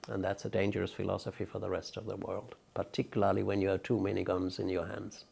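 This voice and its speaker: A man's voice: low-pitched, completely flat delivery, quick pace, creaky, a little mellow, a little hiss or hum. An older man from Denmark, giving outspoken, emphatic interview answers as a guest. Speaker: interview guest, peace researcher.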